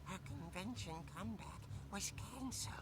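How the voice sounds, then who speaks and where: A man's voice: high-pitched, moderate pace, heavy background noise. An actor playing a ghoulish old male horror storyteller in a game, theatrical and relishing every gruesome line. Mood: gleeful ghoulish. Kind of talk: game voice acting.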